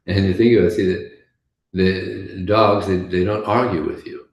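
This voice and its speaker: A deep-voiced man with a gravelly edge gives a relaxed scripture class, telling stories and laughing softly as he goes. His talk echoes through a roomy space. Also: muffled recording. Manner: chatty storytelling with frequent soft laughs. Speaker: devotional class speaker.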